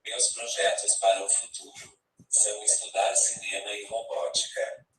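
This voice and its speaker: Low, robotic old-style synthesized male voice. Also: little pitch movement, moderate pace, recorded from a distance, noisy background. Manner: robotic, evenly read delivery. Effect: speech synthesizer on tablet app. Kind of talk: scripted first-person presentation. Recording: echoey, off-mic, music behind. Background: music.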